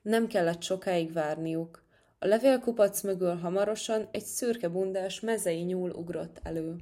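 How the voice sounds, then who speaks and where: A woman narrates a children's animal tale at a calm, gentle pace. Her voice sits a little low for a woman and stays even and friendly. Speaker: storyteller. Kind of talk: reading a children's story aloud.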